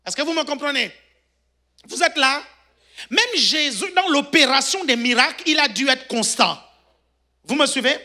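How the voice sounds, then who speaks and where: A man preaching an animated, joking sermon, keeps checking that the congregation is following him. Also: extremely high pitch, moderate pace, long pauses. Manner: animated, jokes, sudden shouts. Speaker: pastor.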